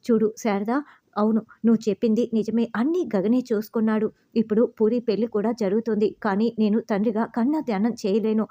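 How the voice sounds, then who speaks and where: A woman's voice: a little high, level tone, quick pace, warm tone, muffled recording, close to an everyday voice. A woman voicing a regretful, estranged older father, in a TV serial recap. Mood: sorrowful. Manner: grieving, regretful.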